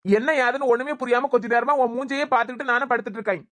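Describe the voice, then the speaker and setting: A woman with a Kanyakumari Tamil accent voicing a gruff, nagging husband in a cartoon serial, scolding and impatient. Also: a little high, racing, fairly bright tone, natural voice.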